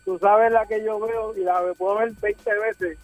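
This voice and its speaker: A man's voice: sits high, little pitch movement, unhurried, faint music behind. A man calling in to a radio show, joking and rambling as he tells his story. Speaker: caller. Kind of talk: casual call-in chat.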